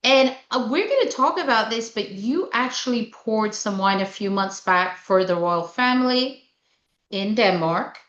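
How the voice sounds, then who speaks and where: A woman's voice: medium pitch, animated, a little slow, a bit bright, roomy sound, muffled recording. A woman sommelier hosting a casual interview, chatty and enthusiastic, with lots of fillers, over a video call. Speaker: sommelier host.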